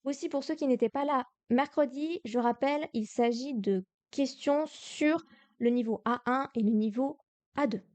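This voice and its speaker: High-voiced woman teaching Korean. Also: normal speed, darkish tone, no echo. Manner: patient, explains step by step. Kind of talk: livestream lesson.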